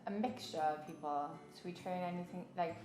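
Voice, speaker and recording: A woman's voice: on the low side, brisk, dark tone. A woman aged about thirty chatting casually as she answers interview questions. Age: 30s. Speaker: fitness coach. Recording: roomy, music behind.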